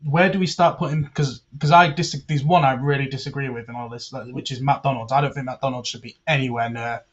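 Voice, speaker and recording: A man's voice: mid-range voice, fairly even intonation, brisk. A young man, co-hosting a podcast, giving blunt, opinionated takes in casual banter. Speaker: podcast co-host. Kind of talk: casual banter among friends. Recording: dull lo-fi sound with faint noise.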